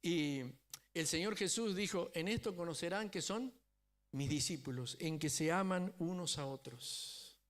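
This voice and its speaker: A man's voice: a little high, a little slow. A man preaching a sermon as a pastor, telling a story and often checking in with the congregation. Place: church.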